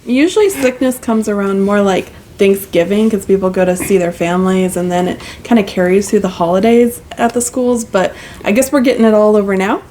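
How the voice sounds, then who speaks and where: Chatty, giggly woman co-host at home, mid-pitch, phone mic with faint background hiss. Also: fairly even intonation, a little fast, mellow. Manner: chatty, giggly, lots of ums. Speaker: co-host of a cross-stitch channel. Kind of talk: casual chat. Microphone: mic plugged into a phone.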